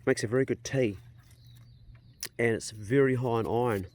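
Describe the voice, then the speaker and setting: A man's voice: mid-range voice, moderate pace, a little mellow. A man with a broad New Zealand accent chatting casually to his vlog, plain-spoken and rambling as he thinks aloud. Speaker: vlogger and landowner. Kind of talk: casual outdoor vlog chat.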